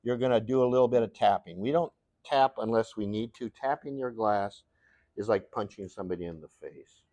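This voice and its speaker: A man's voice: lowish voice, fairly quick, dark tone, no room sound, dull audio. A man teaching glass cutting in a studio workshop, talking in a folksy, rambling way as he thinks aloud through a hands-on demonstration.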